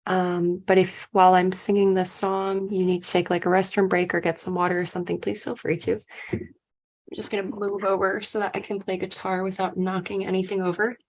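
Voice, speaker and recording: A woman leading a guided meditation, speaking slowly and softly, then chatting casually with her group. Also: mid-range voice, level tone. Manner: slow, soft and drawn-out.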